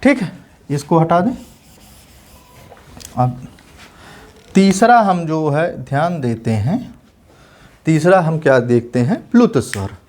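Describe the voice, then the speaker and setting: Guy teaching exam prep, slow and patient, kinda high voice, repeats stuff for dictation. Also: expressive, a little mellow. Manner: explains patiently, repeats definitions slowly for dictation.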